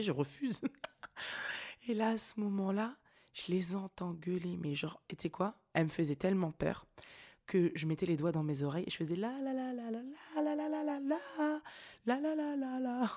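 Slangy, animated young woman storyteller. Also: fairly low pitch. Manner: slangy, animated, laughs often. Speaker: podcast host. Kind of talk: casual storytelling monologue.

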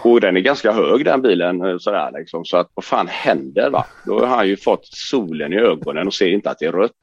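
A man, a podcast guest, telling a story in casual, animated, swearing style. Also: deep voice, slightly rough, no room sound, dull audio. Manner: animated, swearing, acts out voices in quotes.

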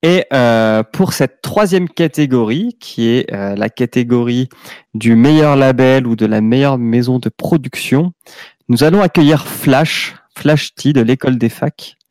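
A man's voice: mid-range voice, measured pace, darkish tone, dry recording. A man hosting an awards show in a casual live presenting style.

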